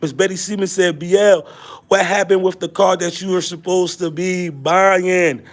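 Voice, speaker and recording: A man from Haiti hosting a casual livestream, reading viewer comments and greeting people by name in an animated, repetitive way. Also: sits high, moderate pace. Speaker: livestream host.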